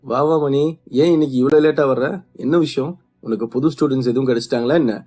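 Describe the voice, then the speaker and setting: A man's voice: medium pitch, steady tone, brisk, warm tone, soft background music, close to an everyday voice. A man doing a playful young student. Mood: teasing.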